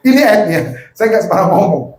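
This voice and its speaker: A man's voice: high-pitched, slight background noise. A man from North Sumatra preaching a sermon as pastor, telling stories and speaking straight to the congregation, slipping in English words. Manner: animated storytelling preaching, addresses congregation directly. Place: church hall. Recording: echoey church hall.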